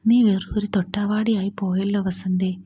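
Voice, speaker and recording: Woman whispering a gentle widowed mother, teasing and comforting, mellow and breathy, whispered role-play. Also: mid-range voice, little pitch movement, normal speed. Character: widowed mother, tender and soothing.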